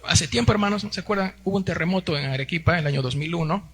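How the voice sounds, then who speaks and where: A man's voice: high voice, very fast, a bit bright, slightly rough. A Peruvian man in his forties preaching a Sunday sermon, often tagging his sentences with little questions and calling the congregation brothers. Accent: Peruvian Spanish. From Peru. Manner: peppers speech with tag questions, addresses the congregation as brothers. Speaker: pastor.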